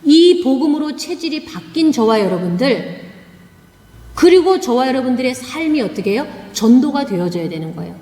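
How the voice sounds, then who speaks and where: A woman's voice: high-pitched, very animated, normal speed, mellow. A woman preaching a sermon, emphatic, often asking rhetorical questions. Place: church sanctuary. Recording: echoey church hall.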